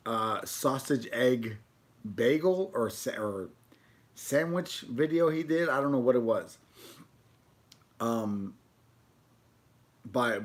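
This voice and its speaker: A man chatting informally on a food livestream, rambling along with casual slang. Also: medium pitch. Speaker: food video creator.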